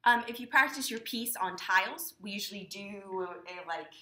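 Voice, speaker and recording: Bright-voiced teen girl explaining, echoey room. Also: mid-range voice, moderate pace. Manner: chatty, many fillers like um and like. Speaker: student competitor explaining dramatic interpretation. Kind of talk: casual instructional talk.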